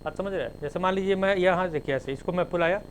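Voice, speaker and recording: A man's voice: high-pitched, quick pace, slight background noise, rough recording. A male teacher giving a classroom lecture, spelling terms out letter by letter and explaining with everyday examples.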